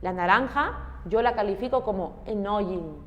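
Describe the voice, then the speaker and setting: A woman's voice: mid-range voice, a little slow, big-room sound, lo-fi sound. A woman with a Peruvian Spanish accent teaching an English class, explaining step by step and quizzing her students. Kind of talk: classroom lesson.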